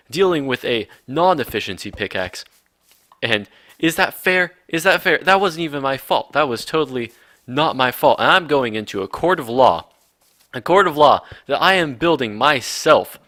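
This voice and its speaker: Bright-voiced man ranting over gameplay. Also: lowish voice, no echo. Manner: rambling, mock-indignant ranting with many fillers. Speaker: video game let's play host. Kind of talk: casual gameplay commentary.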